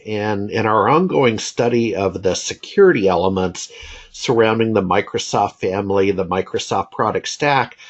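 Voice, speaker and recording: A man interviewing a guest over a low-quality voice call, asking easygoing, rambling questions. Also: husky. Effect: low-quality voice call audio. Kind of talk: casual remote interview chat. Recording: muffled lo-fi voice call.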